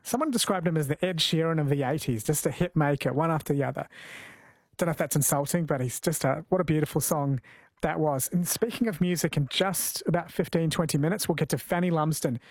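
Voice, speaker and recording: A man presenting a live radio talk show in a conversational, reflective manner. His voice sits on the high side for a man and is recorded dry and close in a studio. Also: brisk, no room sound. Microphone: studio microphone.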